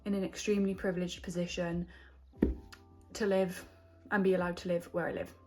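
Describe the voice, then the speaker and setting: A woman's voice: lowish voice, level tone, fairly quick, soft background music. A young woman from Wales giving a chatty, thoughtful book review in a casual reading vlog, often trailing off and restarting her thoughts. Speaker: book vlogger.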